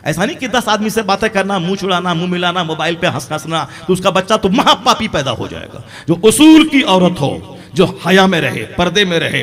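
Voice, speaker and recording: A man preaching an impassioned sermon as an Islamic preacher, rising to loud emphatic peaks. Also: high-pitched.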